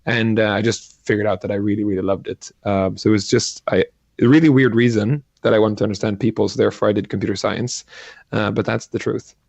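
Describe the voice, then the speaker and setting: Gravelly low-voiced man, halting. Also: steady tone, a little mellow, dry recording, muffled recording. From Sweden. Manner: halting, restarts often, many "like" fillers. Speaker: guest entrepreneur. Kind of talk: casual interview talk.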